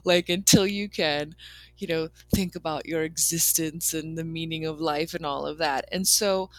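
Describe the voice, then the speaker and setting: A woman's voice: low voice, fairly even intonation, normal speed, no room sound, rough recording. Rambling woman who says "like" a lot. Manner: rambling, self-interrupting, repeats words and restarts sentences; often laughs lightly while talking. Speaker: law of attraction speaker. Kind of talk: casual informal self-help talk, unscripted.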